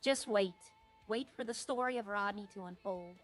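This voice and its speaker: A woman's voice: medium pitch, fairly quick, fairly bright tone, soft background music. A woman game streamer talking casually and informally to her viewers, rambling from one thing to the next.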